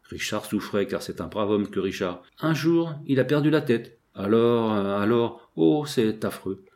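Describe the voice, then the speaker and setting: A man's voice: lowish voice, animated, measured pace, a little mellow. A man voicing a desperate pleading wife. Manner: tearful imploring. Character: desperate pleading wife of a poor bank clerk. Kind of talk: audiobook character reading.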